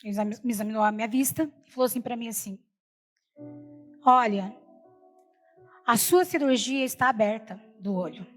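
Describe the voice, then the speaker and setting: A woman's voice: fairly high pitch, normal speed, long pauses, a bit bright, big-room sound, faint music behind. A woman preacher giving an emotional personal testimony in a sermon, retelling the story with many repeated quotes, speaking Brazilian Portuguese. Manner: storytelling, repeats "falei assim".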